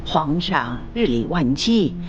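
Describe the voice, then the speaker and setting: Aged empress dowager, period court drama. Unhurried, shrewd, honeyed passive aggression, very expressive pitch. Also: female voice, highs cut off, noisy background, full character voice. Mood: sweetly pointed. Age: older. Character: shrewd elderly grand empress dowager, outwardly doting, veiled. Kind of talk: Chinese imperial costume drama acting.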